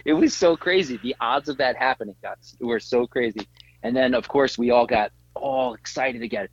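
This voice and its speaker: Middle aged guy w a husky voice telling a story all animated, kinda dull lo-fi sound. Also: mid-range voice, moderate pace, no echo. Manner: animated storyteller, laughs often, acts out quotes. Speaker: guest, tattoo artist. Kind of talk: casual interview storytelling.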